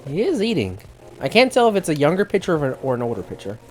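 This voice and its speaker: A woman's voice: deep voice, wildly swooping pitch, quick pace, a little mellow, soft background music, low-quality recording. A woman streaming and chatting casually with her co-host and viewers. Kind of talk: casual live stream chat.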